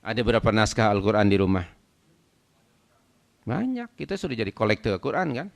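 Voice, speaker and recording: A man, a religious teacher, giving a lecture to a congregation, asking rhetorical questions and swelling to loud emphatic points, with English words mixed in. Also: lowish voice, big pitch swings, a little fast, gravelly.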